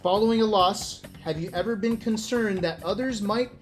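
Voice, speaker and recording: A streamer with a medium-pitched voice reads a book aloud at a normal speed, with music playing behind them. The reading is casual, broken up by wry asides and remarks addressed straight to the viewers.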